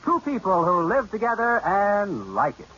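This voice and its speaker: A male announcer introduces the show with a smooth, formal delivery and a high, lively voice. The old radio sound is dull and muffled, with loud music playing beneath him. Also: moderate pace.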